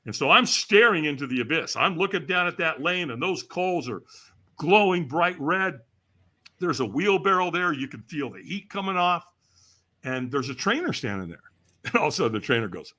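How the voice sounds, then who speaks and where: A Californian man in his sixties, guesting on a podcast, tells a lively story, mimicking the voices of people he quotes and laughing along the way. His voice sits a little high and comes across pushed and bright.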